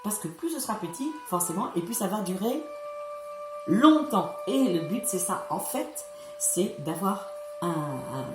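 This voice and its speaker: A woman vocal coach explains singing technique in a slow, patient, instructive way, her voice rising and falling with lively expression. The recording sounds echoey, with clear music playing behind her. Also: medium pitch. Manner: patient, instructive, addresses viewers directly. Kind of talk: singing lesson to camera.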